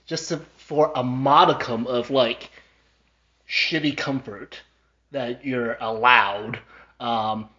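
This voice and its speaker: A man's voice: mid-range voice, fairly even intonation, takes it slowly, sharp tone. A man co-hosting a casual podcast chat, laid-back and chuckling, trailing off into fillers. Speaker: podcast co-host. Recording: dull lo-fi podcast audio.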